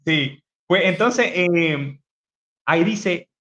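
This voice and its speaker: A man's voice: on the high side, very slow, crowd noise. A man hosting a casual podcast, teaching about biblical Greek with many fillers and restarts over a video call. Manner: hesitant, many fillers and restarts, laughs easily.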